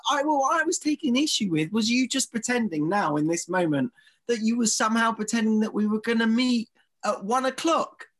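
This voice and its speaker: Animated Essex man bickering. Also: extremely high pitch, a little fast, soft background music. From Essex, England. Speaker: podcast co-host. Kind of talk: casual bickering chat.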